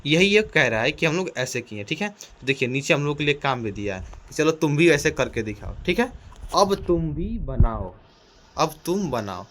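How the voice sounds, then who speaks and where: A man teaching a children's lesson in a small room, speaking loudly and energetically, repeating questions to the class and sounding out letters. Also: on the high side, animated, fairly quick, hardly any pauses, slight background noise.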